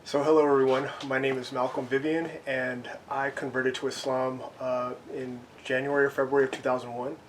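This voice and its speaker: A man's voice: medium pitch, little pitch movement, brisk, few pauses, a little hiss or hum, poor audio. A man introducing himself at a Q&A as a convert, rambling a little with many fillers. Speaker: convert attending a Q&A. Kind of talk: self-introduction.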